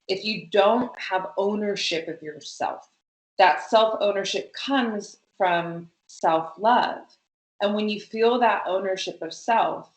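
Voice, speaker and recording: A woman guest talking in an animated, emphatic way with many fillers in a conversational interview. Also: mid-range voice, roomy sound, poor audio.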